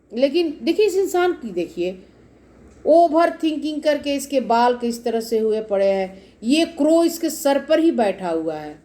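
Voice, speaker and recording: High-voiced woman reading tarot. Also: mellow. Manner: explains cards repetitively, addresses viewers directly. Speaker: tarot reader. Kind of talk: casual tarot reading to camera.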